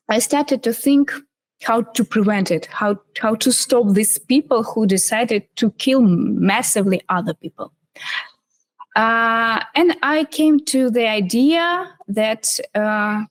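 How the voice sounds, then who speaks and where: A woman from Russia with a Russian accent, hosting an interview and asking long, hesitant questions. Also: on the high side. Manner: hesitant, many fillers, laughs often. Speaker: podcast host.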